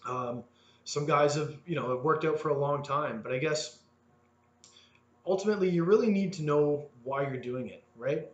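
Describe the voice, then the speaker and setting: A man's voice: on the high side, moderate pace, echoey room, highs cut off. A man in his thirties talking earnestly about his motivation in a casual, rambling monologue full of restarts. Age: 30s. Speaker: fitness vlogger.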